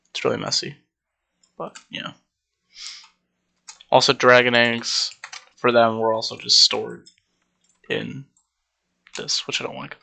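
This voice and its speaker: A young man on a Minecraft server rambles through a casual walkthrough of his game build, dropping in many ums. His mid-range voice is gravelly, pushed, and bright, and he sounds a little congested.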